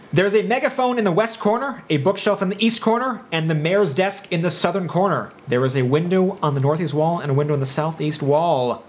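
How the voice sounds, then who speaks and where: A man's voice: on the high side, moderate pace. A man running a tabletop game as game master, narrating scenes with a playful, joking manner.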